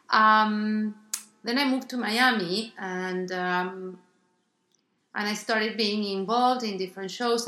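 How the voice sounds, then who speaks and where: A middle-aged Argentine artist with an Argentine Spanish accent talks about her art as a guest in a radio interview, thoughtful and hesitant, with many ums and restarts. Her lowish voice sounds pushed and bright, and the recording is roomy.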